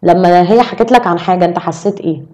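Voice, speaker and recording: A young woman with an Egyptian Arabic accent speaks quickly as a podcast guest. Her voice sits a little low and sounds dark and mellow. She talks in a casual, animated way and keeps reaching for examples. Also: dull audio. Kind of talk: casual chat.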